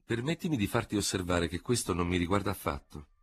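Male reader as a cool, ironic general, lifted above his own low pitch, husky and dry. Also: expressive, no echo. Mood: cold. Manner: cold, measured, gravely mocking. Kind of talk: radio audiobook reading.

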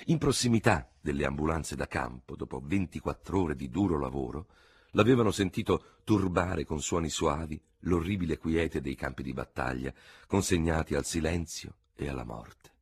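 A man reading a novel aloud as the narrator, with an expressive storytelling delivery. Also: extremely low pitch, moderate pace, breathy edge. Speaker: audiobook narrator. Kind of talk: scripted literary narration.

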